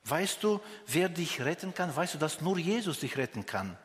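A man's voice: on the high side, big pitch swings, moderate pace. Earnest preacher man, long reverb. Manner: earnest, questioning the listener directly, with restarts. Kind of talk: sermon.

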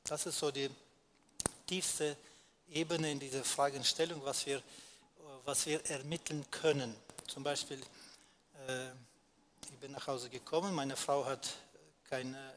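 A man's voice: medium pitch, fairly bright tone. A man teaching in a sermon, explaining step by step and answering his own rhetorical questions, with frequent hesitations.

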